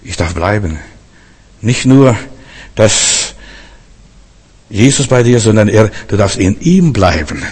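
Male preacher, husky voice, fervent and repetitive sermon, long hall reverb. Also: lowish voice, sing-song, slow, pauses often, a little mellow. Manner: fervent, repetitive preaching with frequent rhetorical questions.

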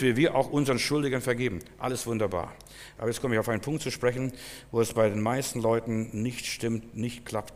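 A man preaching a sermon, swinging from quiet, slow confession to loud, pleading repetition. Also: medium pitch. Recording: long hall reverb.

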